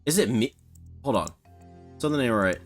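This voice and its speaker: A man's voice: medium pitch, a little fast, faint music behind. A man giving casual, rambling let's-play commentary, self-mocking and prone to startled yelps. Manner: excitable, yelps and shouts when startled. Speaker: gaming YouTuber.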